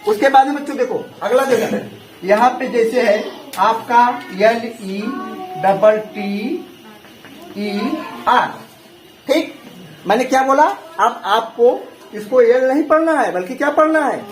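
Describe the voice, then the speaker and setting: Over soft background music, a very high-pitched English teacher speaks at a measured pace, repeating one question to his students again and again in call-and-response. The recording has an echoey room and faint noise.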